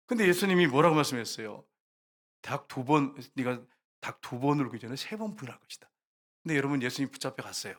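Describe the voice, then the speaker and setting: Male pastor, fairly high voice, animated sermon with acted-out voices, speaks straight to the congregation. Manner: lively storytelling, acts out voices and rooster crows; often addresses the congregation directly.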